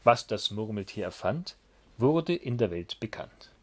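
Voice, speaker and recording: A man reads a rhyming children's story in a slow, expressive sing-song. His voice is slightly husky and moves widely in pitch.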